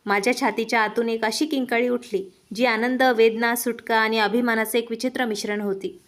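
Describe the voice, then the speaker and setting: A woman tells a heartfelt first-person story in a steady narrating voice. She speaks earnestly and dwells on the feeling in each line. Her voice sits a little higher than most women's. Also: moderate pace.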